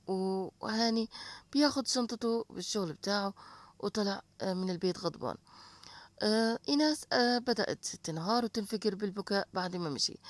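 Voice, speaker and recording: A woman with an Egyptian accent narrating a story briskly, with frequent filler hesitations. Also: mid-range voice, dry recording.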